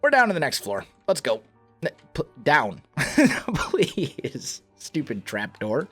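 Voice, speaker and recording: A man's voice: a little high, huge pitch swings, takes it slowly, a bit bright, breathy edge, faint music behind. A man with a groggy morning voice, chatting casually and thinking aloud as he plays a video game, often correcting himself mid-sentence. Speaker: let's play host. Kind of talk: casual gameplay commentary.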